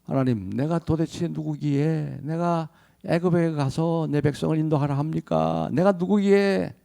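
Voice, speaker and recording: A man's voice: fairly high pitch, normal speed, creaky, mellow, voice pushed up. A man voicing a reluctant old man who pleads and protests with God in pleading rhetorical questions.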